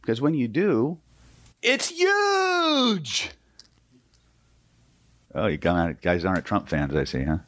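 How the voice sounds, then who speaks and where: A man's voice: low-pitched, very animated, a little fast, hardly any pauses. A man from Oklahoma teaching hypnosis in a seminar to a live audience, emphatic and tossing in rhetorical "right?" asides. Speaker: hypnosis instructor.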